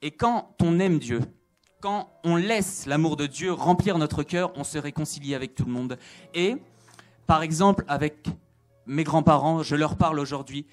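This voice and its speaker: A man's voice: fairly high pitch, normal speed, a little mellow, soft background music. A man giving an earnest religious testimony, repeating phrases and hesitating with fillers. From Italian. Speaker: testimony speaker.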